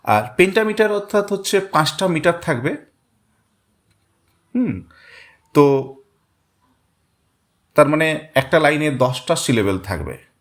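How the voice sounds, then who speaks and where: A man's voice: a little high, animated. A man teaching a literature lesson, explaining step by step and repeating words to show where the stress falls. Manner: reads English quotations very slowly. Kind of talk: Bengali-language literature lesson.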